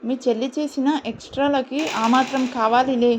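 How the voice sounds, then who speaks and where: A woman's voice: high-pitched, steady tone, brisk, slight background noise, lightly acted. Woman doing a scolding young man. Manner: teasing, scolding. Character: young man, sharp-tongued and bossy. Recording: dull lo-fi recording.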